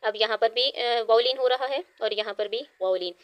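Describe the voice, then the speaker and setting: A woman's voice: on the high side, normal speed, a bit bright, clean tone. A woman Quran teacher with a Pakistani Urdu accent, giving a recitation lesson: she spells out syllables one by one with care, then explains the rules.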